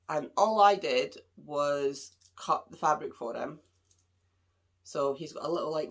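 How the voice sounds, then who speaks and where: A woman hosting a craft podcast, chatting casually and rambling a little, with a stuffed-up, slightly nasal voice from a cold. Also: low voice. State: congested, a bit nasal. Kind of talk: casual chat about crafts. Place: at home.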